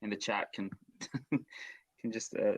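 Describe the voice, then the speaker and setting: A man's voice: lowish voice, level tone, slow pace, no echo. A man on a live online discussion whose faulty mic makes him sound faint and muffled, as if calling from the bottom of a well. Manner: hesitant mic checks. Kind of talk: casual live stream chat.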